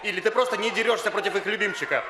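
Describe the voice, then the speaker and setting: A man's voice: high-pitched, rapid-fire. A man working as a reporter, asking a press conference question in a playful, teasing way. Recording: echoey hall with crowd.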